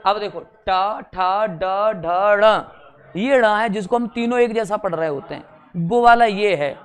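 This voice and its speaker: A man's voice: high voice, normal speed, clear, resonant tone. A male teacher giving an exam-prep grammar lesson, drilling syllables in chanted rows, joking along the way and repeating "theek hai" often.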